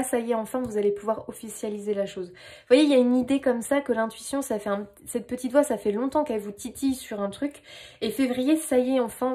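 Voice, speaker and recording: A woman's voice: fairly high pitch, dark tone. Chatty French woman reading tarot. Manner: chatty, playful, lots of fillers and laughs. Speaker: tarot reader. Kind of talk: casual tarot reading monologue.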